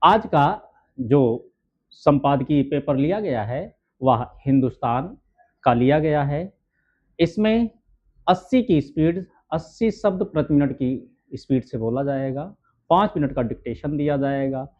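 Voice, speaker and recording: A high-pitched man teaches shorthand step by step. He asks his own questions, answers them, and keeps checking in with his students. The recording is dull and lo-fi. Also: lively intonation, measured pace. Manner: keeps adding "है ना" and "ठीक है" as checks. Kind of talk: steno dictation lesson.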